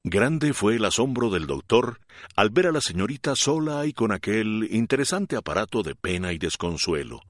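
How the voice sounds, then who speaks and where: A man reading a classic novel aloud as an audiobook narrator, in an expressive, dramatic way. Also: fairly low pitch, moderate pace, dry recording, clean studio sound.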